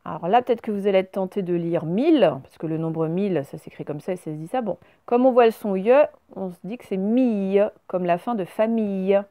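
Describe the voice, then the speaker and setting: A woman teaches a recorded reading lesson to young children. She talks them through each word slowly and clearly, step by step. Her voice sits in a middle pitch and is recorded close and dry. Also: mellow, dry recording.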